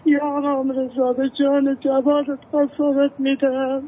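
A woman's voice: sits high, little pitch movement. A woman calling in by phone to a live religious broadcast, speaking humbly and devoutly. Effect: phone caller heard over the broadcast. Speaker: caller to a live religious TV show. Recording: distant tinny phone line, noisy.

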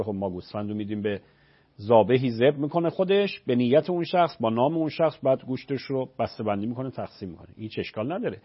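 A man's voice: mid-range voice, breathy edge. A man, a religious scholar on a radio call-in show, patiently explaining rulings with everyday examples. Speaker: religious scholar answering callers. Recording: dull lo-fi radio broadcast.

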